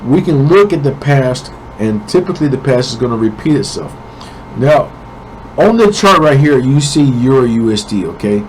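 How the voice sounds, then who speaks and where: A man's voice: mid-range voice, expressive, normal speed, darkish tone, slight background noise, low-quality recording. A man with a cold and a congested voice, giving his weekly forex predictions in a casual way and often checking in with the listener. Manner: casual, keeps checking in with "okay?". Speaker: forex trading analyst. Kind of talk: weekly market prediction talk.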